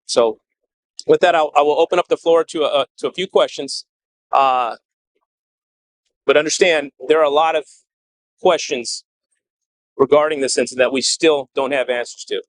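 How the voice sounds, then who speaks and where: A man plays a police chief at a press briefing, giving a statement and fielding questions in an earnest, measured, halting way. His voice is a little high, and there's no room sound.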